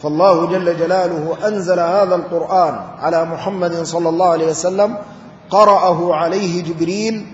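A man teaching a religious lecture on the Quran. He explains step by step, repeats key points, recites verses, and addresses his listeners as brothers. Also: high voice. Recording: echoey hall, dull sound, faint hum.

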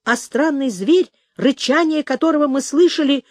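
A woman's voice: sits high, normal speed, a little mellow, no room sound, clean studio sound, pitched above the performer's own voice, lightly acted. A woman voicing a frightened young male rabbit recruit in an audiobook, reporting nervously. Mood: uneasy.

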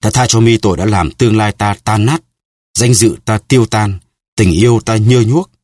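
A man reading an audiobook, voicing a stern swordsman who speaks in a cold, measured way. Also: fairly low pitch, darkish tone, no echo, pitched above the performer's own voice, close to an everyday voice.

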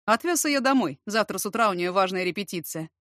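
A woman's voice: mid-range voice, expressive, quick pace, fairly bright tone, no room sound, studio quality, natural voice. A woman voicing a drunk, cocky young man who taunts with a mocking drawl. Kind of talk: audiobook character reading.

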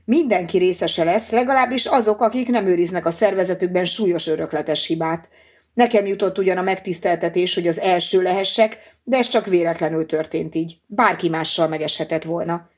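A woman reading an audiobook, voicing a young man merged with an ancient alien mind who speaks calmly and patiently. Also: fairly low pitch, close to an everyday voice. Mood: soothing. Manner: calm, patient, persuasive.

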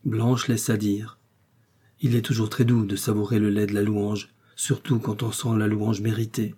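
A man narrating a classic novel in a measured, even reading voice. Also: lowish voice, slightly rough. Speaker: audiobook reader. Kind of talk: literary audiobook narration.

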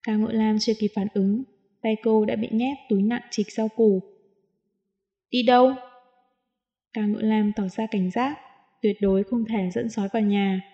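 A woman narrating a novel as an audiobook reader, reading in a steady, even way. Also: medium pitch, normal speed, lo-fi sound. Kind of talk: scripted narration.

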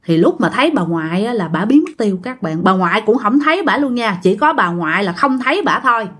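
A woman's voice: mid-range voice, expressive, quick pace, fairly bright tone, breathy edge. A woman with a Southern Vietnamese accent narrating a ghost story in a chatty way, talking straight to her listeners. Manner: chatty, addresses listeners directly.

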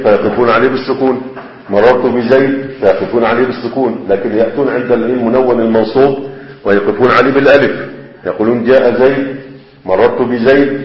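An Egyptian man teaches a grammar lesson to a class, stopping often to check that his students follow. The room echoes around him, and the recording sounds dull and lo-fi. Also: medium pitch. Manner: explains and quizzes students.

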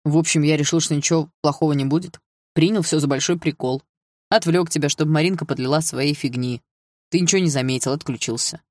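A man's voice: a little high, quick pace, dry recording, close to an everyday voice. A guilty, jittery young guy in an audiobook, voiced by a male reader. He rambles in slang and pleads his case, his voice a touch raised and pushed. The sound is close and dry. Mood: pleading. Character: nervous young man, guilty, whining excuses.

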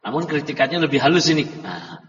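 A man's voice: medium pitch, big pitch swings, quick pace, a bit bright, far from the mic, slight background noise. A man teaching a classroom grammar lesson, translating a text phrase by phrase and correcting his students, with frequent "ya" and "nah" fillers. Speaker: religious teacher. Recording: dull echoey hall recording from afar.

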